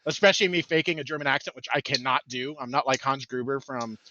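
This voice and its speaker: A man, a marketing manager guesting on a casual podcast, talking in an excitable, self-deprecating, jokey way. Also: medium pitch, quick pace, highs cut off.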